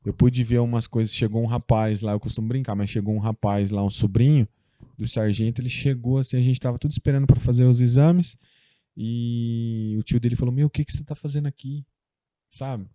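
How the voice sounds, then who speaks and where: Brazilian man telling a story, dark tone. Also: mid-range voice, steady tone, brisk, dry recording. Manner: storytelling, loose and chatty with many fillers. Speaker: interview guest. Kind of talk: casual conversation.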